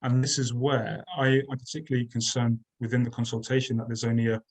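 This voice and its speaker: A man's voice: mid-range voice, flat delivery, quick pace, darkish tone, poor audio. A man from Croydon, answering as a candidate in a local debate in an earnest way. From Croydon, England. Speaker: council candidate.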